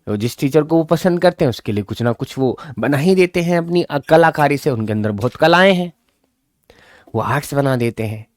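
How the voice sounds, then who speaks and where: Man, English teacher, fairly high voice, quick lively delivery, slow spelled-out examples. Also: no echo, clean studio sound. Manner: lively, talks fast, then slows right down to spell out English example sentences. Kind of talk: live online grammar class.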